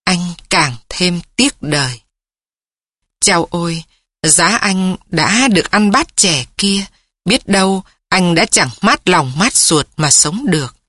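A woman narrating a literary story slowly in a mournful, measured way. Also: lowish voice, lively intonation, a bit bright, slightly rough, dry recording, studio quality. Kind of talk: slow literary story reading.

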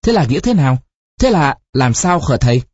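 A narrator voicing an anxious middle-aged village mother who asks in a hasty, shrill way. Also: moderate pace, a little mellow, breathy edge, no echo, muffled recording, lightly acted. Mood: alarmed.

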